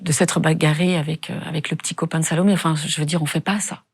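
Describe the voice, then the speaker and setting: A woman's voice: sits low, fairly even intonation, slightly rough. A middle-aged woman giving an emotional testimony as an interview guest, often breaking off and repeating words. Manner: halting, repeats words when upset. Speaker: guest, bereaved mother.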